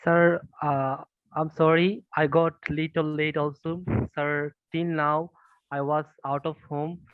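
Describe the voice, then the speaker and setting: Male student, hesitant and flat, thin phone-like sound. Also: on the high side, slow, clear, resonant tone, no room sound. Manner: hesitant, keeps saying sir. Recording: tinny phone-like line.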